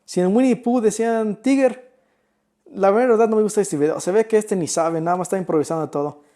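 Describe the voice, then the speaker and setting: A man's voice: sits high, a little fast, mellow, lightly acted. A man voicing a grumpy young male viewer who rants indignantly about a video.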